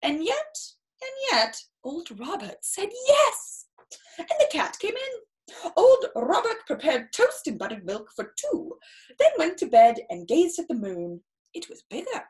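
Here a storyteller reads a picture book for kids, her voice high and full of animation, breaking off for chatty asides. She stretches words out for emphasis and exclaims theatrically, expressive throughout. She sits in an armchair in a small room indoors, and the audio quality is poor.

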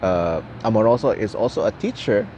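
Standing outside a gas station at night, a young man whose first language is Tagalog chats with his live-stream viewers on a phone held at arm's length. His fairly low, warm voice is brisk and expressive, full of laughter and repeated words, with traffic, city ambience and faint outdoor noise behind him.

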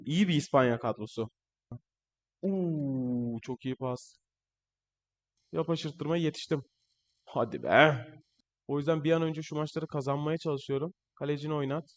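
Young male gamer, higher-pitched voice, excitable live commentary, strained from yelling. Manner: excitable, shouting at players on screen. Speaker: gaming channel host.

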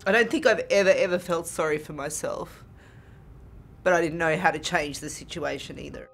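A woman with an Australian accent, a single mum telling her story in an interview, reflective and quietly candid. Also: low voice, normal speed, gravelly, soft background music. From Queensland, Australia. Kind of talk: interview testimony. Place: studio backdrop.

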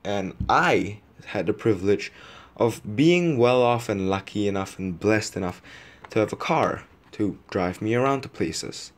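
Speaking in a fairly low, animated voice, a man from Indonesia reflects on his own life in a video-essay monologue. He uses deliberate pauses and repetition to drive his points home.

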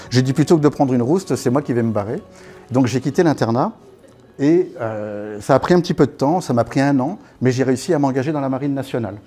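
A man's voice: medium pitch, mellow. A man in his fifties telling his life story at a networking evening, casual and anecdotal, with many fillers and restarts, recorded by a far camera in a small meeting room. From born in Congo, raised in Africa, French parents. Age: 50s. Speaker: guest speaker at a networking evening. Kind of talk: personal storytelling talk.

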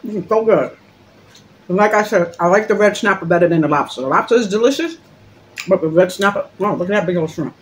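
Recorded on a phone with a little hiss or hum, a mukbang host chats casually and jokes while she eats, often talking with her mouth full. Her mid-range voice is expressive and fast.

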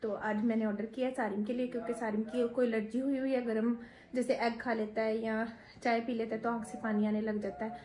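A woman's voice: a little high, little pitch movement, a little fast, a little mellow, poor audio. A woman in her thirties with a Punjabi accent, chatting casually to camera at home while talking with her kids. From Pakistan. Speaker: vlogger mother. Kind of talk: casual home vlog chat. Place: home bedroom.

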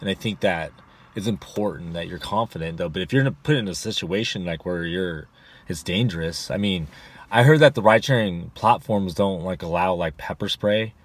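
A man's voice: deep voice, moderate pace. A man in his forties, a rideshare driver, giving casual advice to a dashboard camera in his car, rambling with many fillers and restarts. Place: inside a parked car.

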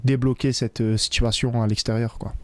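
A man's voice: mid-range voice, moderate pace. Young man from France talking after a match. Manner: relaxed, many filler sounds, loose phrasing. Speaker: football player. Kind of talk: post-match interview. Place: locker room, indoors. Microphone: interviewer's handheld mic.

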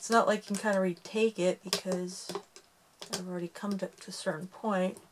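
A woman's voice: mid-range voice, steady tone, a little fast, background noise. A woman hosting a casual craft tutorial, chatty and self-deprecating as she talks through each step while working with her hands.

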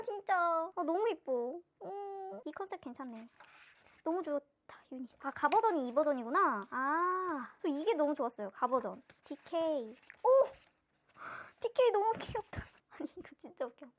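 A woman's voice: sits high, a bit bright. A young woman gushing and gasping as she unboxes albums in a casual vlog. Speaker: fan vlogger unboxing albums.

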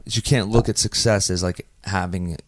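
A deep-voiced man from the United States speaks at a moderate pace in a dry recording. In his thirties, he's a performer and interview guest who tells stories casually and animatedly, with lots of fillers and restarts.

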